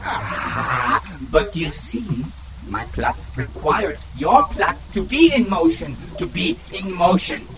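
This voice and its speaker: A pompous schemer who gloats in old-fashioned phrasing, voiced by a man. He speaks slowly and swoops wildly in pitch. A crowd murmurs behind him. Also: very animated, heavily acted, poor audio. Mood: scheming. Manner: theatrical mock-archaic bombast. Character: pompous villainous male schemer Balthazar. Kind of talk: audio drama acting.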